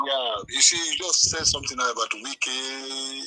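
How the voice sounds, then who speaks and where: A man's voice: mid-range voice, moderate pace, sharp tone, poor audio. A man calling in to a talk show, earnestly making his point and often saying "you know". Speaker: caller. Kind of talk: phone-in commentary.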